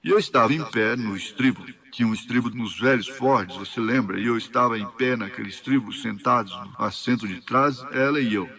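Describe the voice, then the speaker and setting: A man with a Brazilian accent interpreting a sermon line by line, steady and faithful. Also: medium pitch, a little fast, few pauses.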